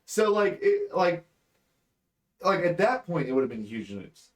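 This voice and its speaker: A man's voice: fairly high pitch, very animated, a little slow. A man in his late twenties co-hosting a podcast, chatting casually and rambling with lots of fillers and swearing. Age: 20s. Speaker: podcast co-host. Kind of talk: casual chat.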